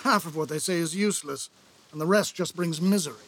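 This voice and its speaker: Royal brother, remorseful, earnest, husky, high voice, audio stage drama. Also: male voice, fairly quick, a bit bright. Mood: firm. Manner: earnest, pleading stage delivery.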